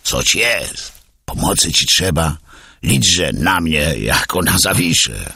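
A man's voice: a bass voice, big pitch swings, takes it slowly, gravelly, bright, forceful tone, husky, dry recording, studio quality, voice pushed up, full character voice. An audiobook reader voicing a fervent, impulsive young nobleman who talks in exclamations. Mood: urgent.

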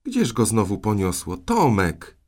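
A man voicing a scolding but soft-hearted elderly aunt in an audiobook, exclaiming and fretting. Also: fairly low pitch, sing-song, a little slow. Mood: calling out.

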